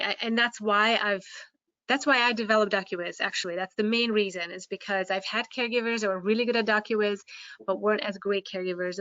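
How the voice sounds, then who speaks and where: A care home operator and software founder answering panel questions on a video call with a shaky internet connection. She talks hesitantly, with many restarts. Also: medium pitch, no echo. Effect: video call audio with a shaky internet connection. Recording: slightly muffled, dry video call audio.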